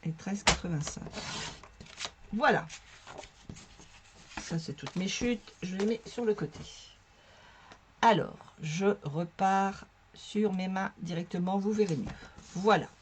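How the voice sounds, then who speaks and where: Hoarse woman, casual craft tutorial host, chatty and self-deprecating, faint noise behind. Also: medium pitch, slow, long pauses. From northern France. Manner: chatty, talks to viewers while working, self-mocking. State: hoarse from a sore throat.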